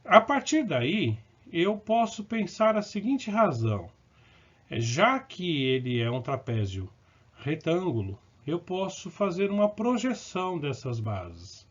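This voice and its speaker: A man with a high, sing-song, breathy voice teaches math slowly in a recorded lesson, working through problems step by step. He corrects himself as he goes and checks in briefly with the viewer. The recording sounds dull and lo-fi.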